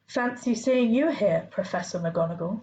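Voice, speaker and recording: A woman voicing a calm, gently amused old male wizard headmaster, in a storybook reading. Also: mid-range voice, normal speed, dull audio, slight background noise, lightly acted.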